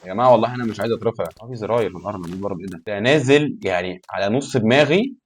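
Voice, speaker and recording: A man's voice: lowish voice, racing. A young man with an Egyptian Arabic accent commentating his own gameplay, exasperated and pleading with the game, swearing often. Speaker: gaming YouTuber.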